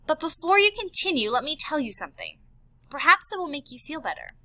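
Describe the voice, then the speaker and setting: A woman's voice: high-pitched, very animated, a little fast, pushed and bright, no room sound, pitched above the performer's own voice, heavily acted. A woman voicing a sarcastic, scheming male ivory poacher in an audiobook. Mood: amused. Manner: sarcastic, amused, smooth-talking.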